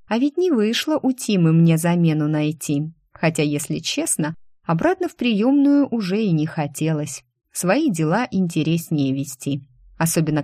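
A woman reads a first-person audiobook with lively expression. Her voice sits a little low. The recording is close and dry, with no room echo. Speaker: audiobook narrator.

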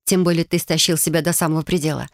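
A woman voicing a young witch, speaking higher and more urgently, sometimes scolding. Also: steady tone, rapid-fire, dry recording, clean studio sound. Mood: stern.

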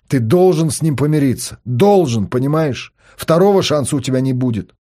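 A man's voice: fairly high pitch, very animated, moderate pace, darkish tone, husky, voice pushed up. A man doing a desperate scheming older mother. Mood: pleading. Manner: pleading and insistent. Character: anxious scheming older mother, fiercely devoted to her sons.

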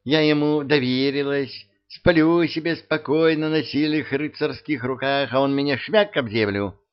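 A man voicing a brash, sharp-tongued young princess who speaks in curt, blunt retorts. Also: mid-range voice, measured pace, clean tone, pitched above the performer's own voice, natural voice. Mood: indignant. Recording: dull lo-fi audio.

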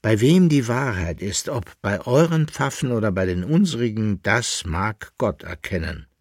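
A man's voice: fairly low pitch, expressive, measured pace, husky, dry recording, clean studio sound, exaggerated voice. A man voicing a proud, worldly son back from abroad, speaking earnestly in a radio reading. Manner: insistent, earnest.

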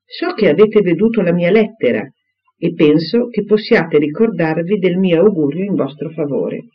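A man voicing a charming, eager young gentleman in an audiobook reading, speaking earnestly and effusively. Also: sits high, moderate pace, slightly rough, dull audio.

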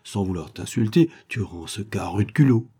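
A man's voice: fairly low pitch, expressive, normal speed, mellow, slightly rough. A man voicing a cocky young male street sleuth who taunts his captive. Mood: mocking. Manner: taunting, teasing.

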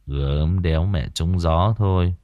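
A man's voice: low-pitched, slow, no room sound, lo-fi sound, voice pushed down. A man voicing a drowsy, surly young son who grumbles. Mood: sullen grumble.

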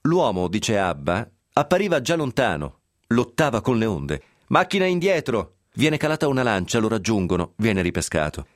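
A man's voice: fairly low pitch, big pitch swings, moderate pace, no room sound, clean studio sound. A man reading a scripted history piece on the radio, telling it with a wry, ironic edge and sly asides. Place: radio studio.

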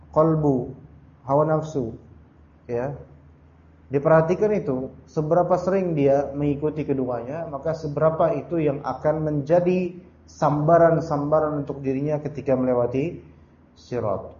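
A man's voice: fairly high pitch, mellow. A male Islamic teacher gives a conversational religious study lecture. He quotes Arabic verses, explains them, tags his sentences with "ya" and keeps addressing his listeners as "Pak". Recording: echoey room, dull lo-fi sound.

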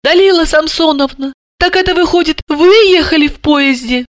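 A woman doing a fretful, high-pitched older lady. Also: moderate pace, no echo, studio quality, natural voice. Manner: fretful, pleading.

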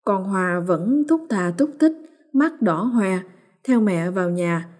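A woman narrating a ghost story in a steady, even way. Her voice is mellow and warm, sitting at a middle pitch. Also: slow pace. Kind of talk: scripted horror story narration.

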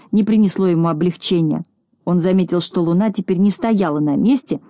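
A woman reads a children's story aloud in a calm, even manner. Her voice is fairly low and mellow. The recording is close and dry. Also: no echo. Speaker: reader.

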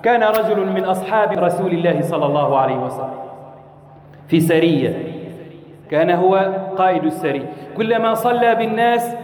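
A high-voiced man delivers a fervent sermon, hammering phrases through repetition and now and then drifting into a chant. His voice rings through a large hall with a long, echoing reverb. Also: lively intonation, fairly quick, long pauses, a little mellow. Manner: impassioned, rhetorical repetition, sometimes chanting. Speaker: preacher.

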